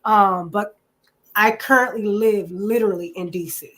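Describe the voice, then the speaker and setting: A woman's voice: mid-range voice, fairly even intonation, normal speed, fairly bright tone. A woman in her forties from New Jersey, introducing herself in a casual interview, chatty and full of ums. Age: 40s. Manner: chatty, many ums, says "literally" often. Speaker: guest.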